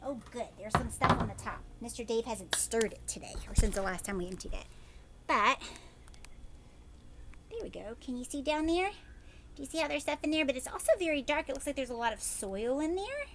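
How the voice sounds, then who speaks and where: Speaking with lively intonation at a fairly quick pace, a woman whose voice sits fairly high acts as a teacher for small children. She shifts from reading a picture book to casual asides, using plain words and frequent short questions to check in, with background noise present.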